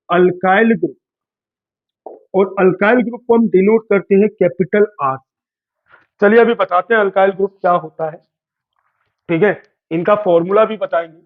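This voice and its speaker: A man with a high voice teaches a class from the board, playfully asking his students questions and answering them himself. The recording sounds thin and tinny, as if heard over a phone line. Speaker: chemistry teacher.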